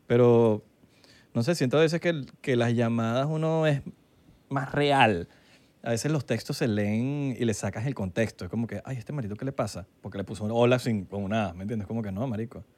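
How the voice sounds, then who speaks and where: A man's voice: medium pitch, brisk, darkish tone. A young man with a Venezuelan Spanish accent, co-hosting a casual podcast chat and acting out quoted dialogue in a slangy, laid-back way. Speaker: podcast co-host.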